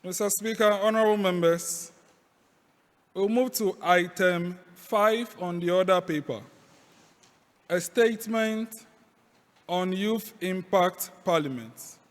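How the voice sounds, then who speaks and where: High-pitched Ghanaian man announcing at a podium. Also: slow, long pauses. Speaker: master of ceremonies at a youth parliament sitting. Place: large indoor hall. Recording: echoey hall, long reverb.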